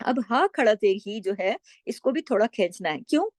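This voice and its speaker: A woman's voice: medium pitch, lively intonation, moderate pace, no room sound, studio quality. A middle-aged woman teaching recitation rules, explaining patiently and asking and answering her own questions. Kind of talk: explaining tajweed rules, with slow recited examples.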